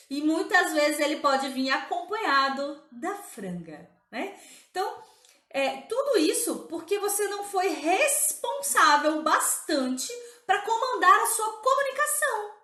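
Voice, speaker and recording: A woman's voice: sits high, bright, forceful tone, echoey room. A woman teaching in a live-streamed talk as a motivational coach, emphatic and often checking in with her listeners.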